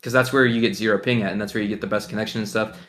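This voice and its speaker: A bright, clear-toned teenage boy from Ohio chats loosely in an interview. He rambles with fillers like "like" and "um". He chuckles often as he answers. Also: fairly low pitch, steady tone, racing. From Ohio, USA. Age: teens. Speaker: guest, pro gamer. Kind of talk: casual interview.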